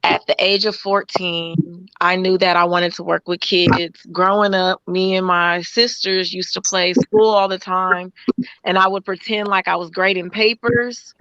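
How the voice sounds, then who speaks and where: A woman on a panel talks earnestly and reflectively. Her voice is bright and forward, and the recording is dry and a little dull. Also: fairly low pitch, steady tone, measured pace, dry recording. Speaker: panel guest. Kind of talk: casual panel chat.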